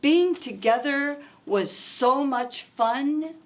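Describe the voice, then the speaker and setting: Drawing out her words in a high-pitched voice, a woman hosts storytime for young children. She reads a picture book with lively, coaxing expression and checks in with questions.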